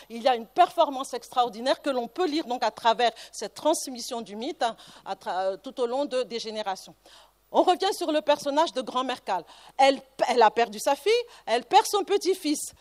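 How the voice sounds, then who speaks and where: Woman, researcher, lecture, high voice, digressive, restarts mid-sentence. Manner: digressive, frequent "hein" asides and restarts. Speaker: researcher giving a conference talk. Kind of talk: lecture with personal anecdote.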